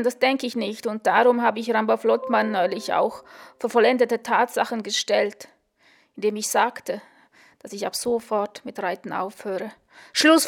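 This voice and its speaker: A woman reading her own first-person story aloud in a dry, deadpan way, sometimes correcting herself. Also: fairly high pitch, gravelly. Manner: dry, deadpan humour, occasional self-corrections.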